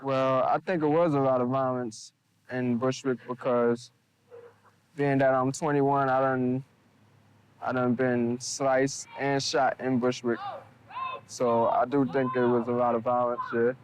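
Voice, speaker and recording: A man, telling his story slowly and plainly in a documentary interview. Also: mid-range voice, little pitch movement, a little hiss or hum, low-quality recording. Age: 20s. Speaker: interviewee, local resident.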